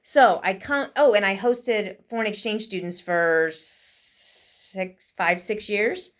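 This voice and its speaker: A woman giving a casual spoken lesson with tips for English learners, talking quickly with frequent fillers. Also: mid-range voice. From United States. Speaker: vlogger teaching English learners.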